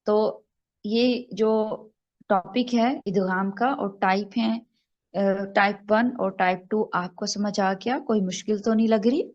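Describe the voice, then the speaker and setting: A woman's voice: mid-range voice, fairly even intonation, a little mellow. Woman teacher, online recitation class, patient step-by-step explaining, slightly dull call audio. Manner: patient, explains step by step and slowly spells out examples.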